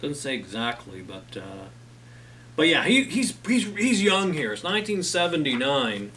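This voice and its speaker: A man's voice: on the high side, big pitch swings, moderate pace, sharp tone, distant mic, a little hiss or hum. A man hosting a casual talk about old albums, enthusiastic and rambling with lots of fillers. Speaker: host.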